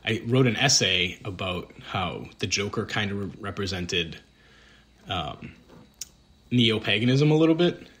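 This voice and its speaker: A man with a Boston accent talks in a low voice, co-hosting a relaxed podcast. He rambles through his points with plenty of ums and pokes fun at himself. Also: a little slow. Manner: rambling, self-deprecating, frequent ums. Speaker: podcast co-host. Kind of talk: casual conversation.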